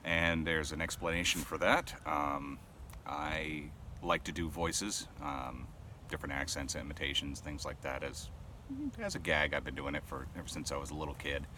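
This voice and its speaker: A Rhode Island man in his thirties, a pipe-smoking vlogger, chats casually to camera, rambling with plenty of ums and uhs. His voice is very deep and neutral at a normal speed, with clear outdoor traffic noise behind him.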